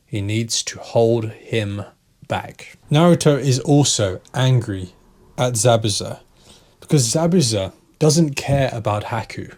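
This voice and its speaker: A man teaching English, retelling a story slowly for learners, repeating key phrases and checking in with "right?". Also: mid-range voice. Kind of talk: slow retelling for language learners.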